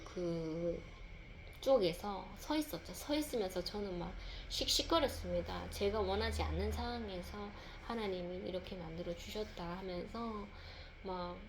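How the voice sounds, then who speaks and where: A woman in a mid-pitched voice tells a personal faith testimony as a mother. She rambles, fills pauses and repeats herself. A faint background hiss sits under her voice. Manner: rambling, full of fillers and repeated words.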